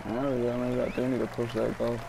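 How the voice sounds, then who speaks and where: A man giving casual, low-key gameplay commentary, muttering to himself as he plays. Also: level tone, fairly quick, gravelly, background noise. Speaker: gamer playing a golf video game.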